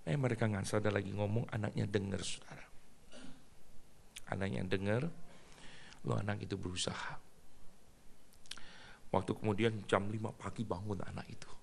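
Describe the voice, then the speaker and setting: A man's voice: fairly low pitch, steady tone, moderate pace, gravelly, long pauses, slight background noise. A male pastor preaching a sermon, telling a story and addressing the congregation again and again.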